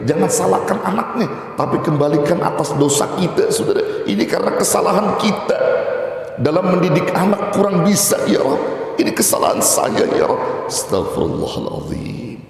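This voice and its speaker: A man's voice: sits high, moderate pace, creaky. Man preaching in an echoey hall. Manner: colloquial, animated preaching with mock-angry quotes. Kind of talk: sermon.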